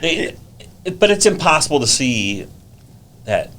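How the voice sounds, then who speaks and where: A man's voice: a little high, big pitch swings, measured pace, a bit bright. A man in his fifties, a teacher and driving instructor, chatting casually on a podcast and telling stories with a gift of gab. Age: 50s.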